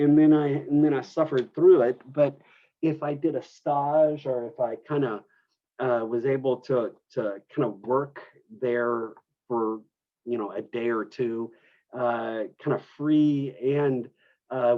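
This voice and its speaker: A man's voice: mid-range voice, fairly even intonation, unhurried, phone-quality sound. A man teaching a class in a classroom, talking loosely, with many restarts and fillers. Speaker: culinary instructor. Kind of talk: classroom lecture.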